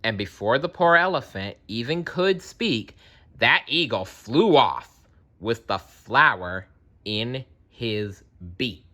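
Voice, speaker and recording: Male storybook reader, bright tone, slow measured rhyming read-aloud. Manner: animated, voices characters with big pitch jumps.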